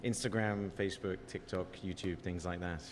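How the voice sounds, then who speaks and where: A man in his forties with a softened English accent, chatting as a guest on a live show, self-mocking and quick to laugh at his own jokes. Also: sits low, fairly even intonation, big-room sound, a little hiss or hum. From England. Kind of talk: casual live interview.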